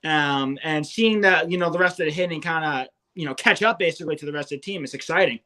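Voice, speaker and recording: A man's voice: a little high, quick pace, sharp tone. A young man co-hosting a fantasy baseball podcast, rattling off stats with enthusiasm. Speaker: co-host.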